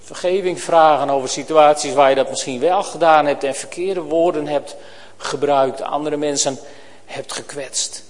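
A man preaching a sermon in a church, earnest and pleading, swinging between loud urgent calls and hushed quiet passages. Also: fairly high pitch, fairly even intonation, normal speed. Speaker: pastor. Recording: long reverb of a church hall.

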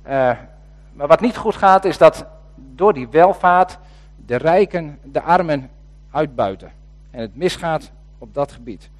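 A man preaching a sermon in a conversational way, pausing with hesitations and reading scripture passages with emphasis. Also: on the high side, expressive.

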